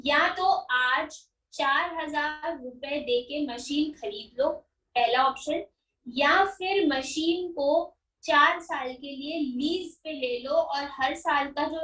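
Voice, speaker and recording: Woman, high voice, unhurried lecturing, roomy echo. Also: fairly bright tone, far from the mic. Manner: explains slowly, repeats key terms and checks understanding. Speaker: teacher. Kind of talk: recorded finance lecture. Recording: echoey room, speaker away from mic.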